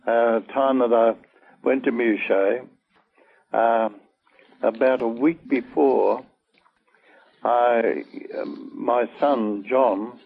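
An older man telling a long personal story in an oral-history interview, halting and full of fillers. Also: medium pitch, steady tone, vocal fry. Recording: tinny phone-like old recording.

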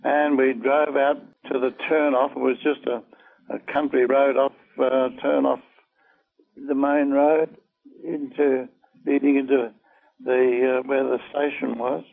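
Slow, halting older man on lo-fi tape. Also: mid-range voice, flat delivery, creaky. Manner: slow, halting storytelling with many fillers. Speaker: interviewee. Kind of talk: oral history recollection. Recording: tinny phone-like old recording.

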